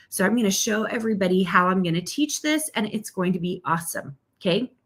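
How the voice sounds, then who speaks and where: A middle-aged marketing coach teaches a live-stream lesson in an upbeat, chatty way, constantly checking in with viewers through "okay?" and "right?" Her voice is middle-pitched and a bit bright, and she mentions that she's losing her voice.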